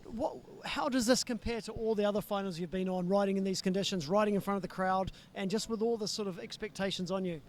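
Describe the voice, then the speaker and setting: A man's voice: sits high, fast, hardly any pauses. A man co-hosting a live outdoor event at night, talking enthusiastically with emphatic repetitions. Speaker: event co-host. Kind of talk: live event commentary and interview.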